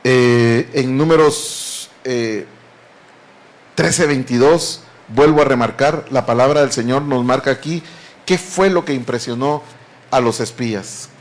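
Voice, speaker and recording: A man's voice: medium pitch, lively intonation, measured pace. A man preaching a sermon, earnestly and often addressing the congregation as beloved brethren.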